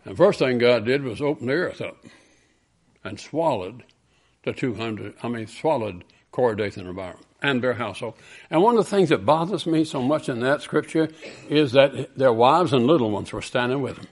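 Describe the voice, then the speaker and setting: A man preaching a sermon, moving from hushed storytelling to loud, impassioned peaks. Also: mid-range voice, expressive, moderate pace, husky.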